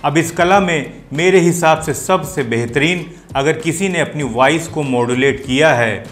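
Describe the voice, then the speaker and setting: A man hosts a film music show, explaining things to viewers in video commentary with music playing behind him. His voice is fairly high and a little slow.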